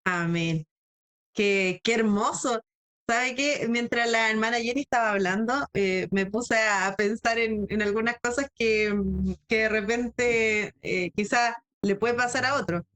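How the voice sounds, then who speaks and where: Slow, smooth-voiced woman host. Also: a little high, fairly bright tone.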